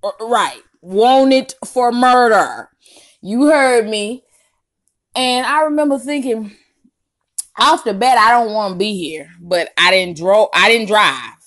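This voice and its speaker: A young adult woman with a Southern US accent tells a personal story casually to viewers, slangy and animated, with drawn-out emphasis and asides. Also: on the high side. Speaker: storytime vlogger.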